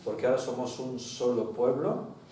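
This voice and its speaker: Echoey Spanish pastor teaching. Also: male voice, mid-range voice, steady tone, moderate pace, dark tone, a little hiss or hum. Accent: Spain. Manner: teaching, asks the congregation questions. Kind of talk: Bible study sermon. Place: church hall. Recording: very echoey hall, distant mic.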